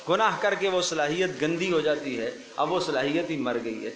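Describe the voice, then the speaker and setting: A man's voice: on the high side, a bit bright, slight background noise. Preaching man in an echoey room. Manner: storytelling, acts out speakers in his parables, repeats phrases for emphasis. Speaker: religious teacher giving Quran commentary. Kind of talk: Urdu sermon with vivid parables.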